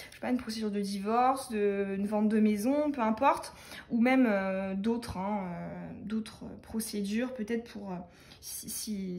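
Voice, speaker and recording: A young woman doing a casual tarot reading, speaking fast with many fillers and restarts. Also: a little high. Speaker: tarot reader.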